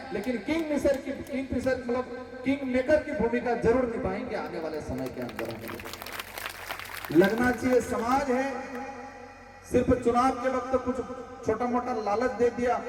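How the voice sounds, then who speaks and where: A political leader from Rajasthan addresses a public rally with an impassioned speech full of rhetorical questions and calls to the crowd. His voice is very high and a little mellow, heard through echoey PA sound from far off.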